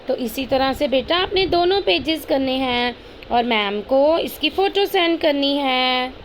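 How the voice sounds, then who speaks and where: A young woman teacher gives an online lesson to small children, reading words aloud slowly and clearly for them to repeat. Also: sits high, animated, a little hiss or hum, poor audio. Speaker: primary school teacher.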